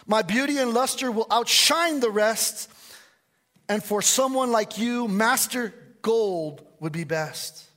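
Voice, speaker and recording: A man's voice: sits high, takes it slowly, fairly bright tone, pitched above the performer's own voice. A man voicing a boastful golden vessel in a poem he reads aloud during a sermon. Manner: bragging, self-praising. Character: boastful shiny gold vessel, vain.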